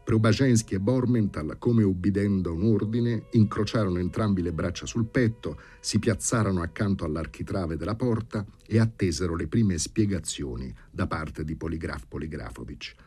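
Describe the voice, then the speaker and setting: A man reading a novel aloud in an expressive, theatrical way. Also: deep voice, normal speed, hardly any pauses, husky. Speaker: audiobook reader.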